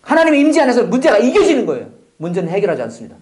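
A man preaching a sermon as a pastor, with joking asides, swinging from loud exclamations to near-whispers. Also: very high voice, huge pitch swings, racing.

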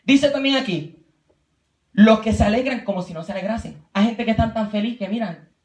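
A man's voice: high voice, brisk. A man preaching a sermon at a youth retreat in a church, often breaking in with praise exclamations and dropping in English words. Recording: echoey church room.

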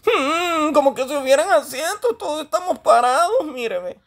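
Brief: a whiny weepy man, very high and teary. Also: expressive, moderate pace, a bit bright, heavily acted. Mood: whiny weeping. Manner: sobbing, whining, hurt.

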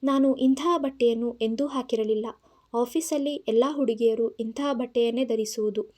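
A woman's voice: a little high, moderate pace, dark tone. A woman narrating an audio story in Kannada-accented speech, voicing the characters' lines herself.

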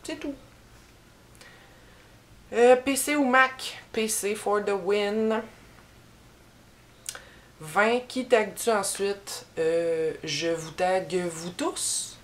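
Speaking in a mid-range voice with a Québécois French accent, a young adult from Quebec chats casually to camera for a tag video. She's slow and meandering, with many filler pauses. The setting is a small room with a bookshelf behind her, and the front camera frames her head and shoulders.

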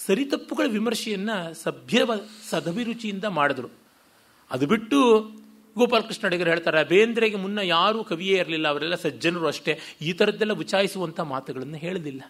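A middle-aged man with a Kannada accent giving a scholarly literary lecture in a hall. He asks rhetorical questions and swings between loud peaks and quiet drops. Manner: animated, rhetorical questions, sweeping pitch.

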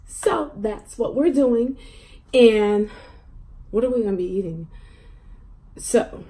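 A woman's voice: fairly high pitch, expressive, takes it slowly, dark tone, rough recording. A woman chatting casually to camera at home as she eats for a mukbang video, rambling with lots of fillers. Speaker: mukbang vlogger. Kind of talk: casual chat to camera while eating.

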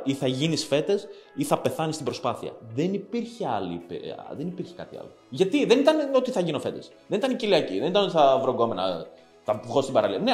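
Blunt, swearing male fitness vlogger. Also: a little high. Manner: crude, profane, repeats phrases for emphasis. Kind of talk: blunt scolding monologue to viewers. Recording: roomy echo with faint background music.

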